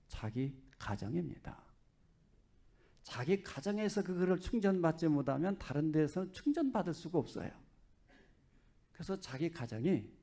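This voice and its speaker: A male pastor delivers a sermon in a conversational, joking manner, asking his listeners one question after another. His voice sits a little high, yet it sounds mellow and dark, with a gravelly fry running through it.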